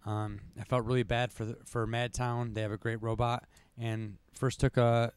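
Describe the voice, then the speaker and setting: A young male podcast co-host with a medium-pitched, level, clean voice recaps rankings at a normal pace. He reads competition results from notes, adding casual asides and the odd cough.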